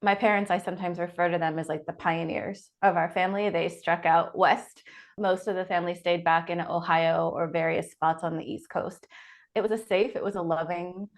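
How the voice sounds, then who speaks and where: This author guest, a Pacific Northwest woman in her forties, speaks at a moderate pace in a steady, somewhat low voice. Her answers to the interviewer are reflective, and she works through her thoughts aloud with frequent restarts.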